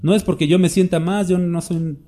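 Preacher guy talking to his congregation, mellow tone, keeps asking questions back. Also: sits high, fairly even intonation, normal speed. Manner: conversational, asks the listeners questions; acts out quoted voices for examples. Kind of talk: sermon.

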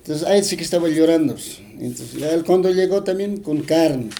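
A man's voice: on the high side, brisk, creaky, warm tone, slight background noise. A man with a Bolivian Spanish accent, retelling a folk tale in an interview, rambling and full of fillers and tag questions.

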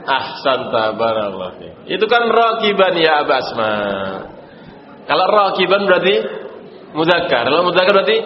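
A man teaching an Arabic grammar class, coaxing students slowly through repeated drills. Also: fairly high pitch. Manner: slow, coaxing, repeats phrases to students, mixes Indonesian and Arabic. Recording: echoey hall, dull lo-fi sound, faint noise.

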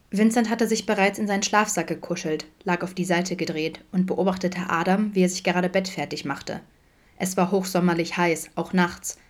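A woman narrating fan fiction as an audiobook in a calm, measured way. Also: fairly low pitch. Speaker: audiobook reader.

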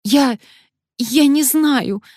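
A woman's voice: expressive, measured pace, a little mellow, breathy edge, no room sound, clean studio sound. A woman reading an audiobook, voicing a frightened, fussy young woman blogger who babbles and shrieks. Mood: panicky. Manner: shrill, babbling.

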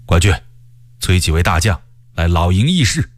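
Man voicing a stern rebel leader, middle-aged, commanding, heavy delivery, deep voice. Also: very animated, moderate pace, slight background noise. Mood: brooding.

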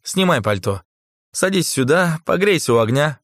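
A man doing a gentle, easygoing young man. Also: a little high, sing-song, moderate pace, dry recording, studio quality. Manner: soft, affectionate. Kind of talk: audiobook character voice.

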